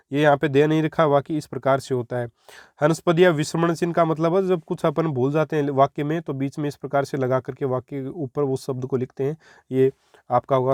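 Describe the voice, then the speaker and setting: A man's voice: a little high, darkish tone, no echo, clean studio sound. A young man teaching an exam-prep Hindi grammar lesson, explaining step by step and repeating key points for his students.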